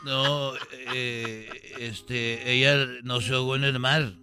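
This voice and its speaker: A man telling a comic story about his family in a slow, deadpan way. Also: medium pitch. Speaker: comedian telling an anecdote. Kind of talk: comedy sketch storytelling.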